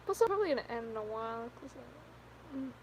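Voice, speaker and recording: Animated and fast, a fifteen-year-old girl with a voice that sits high chats casually with viewers on her live stream. She tells rambling stories with lots of giggles, fillers, and "like"s, over slight background noise.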